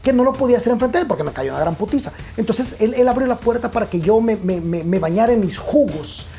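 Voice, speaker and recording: A man's voice: high voice, lively intonation, fast talker, gravelly, dark tone, faint music behind. A man telling a comic story, profane and stumbling over repeated words as he searches for them.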